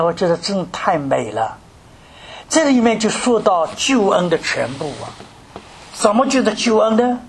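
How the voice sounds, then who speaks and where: Older male preacher from mainland China, high voice, asks rhetorical questions, animated delivery. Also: slightly rough. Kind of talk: sermon with personal story.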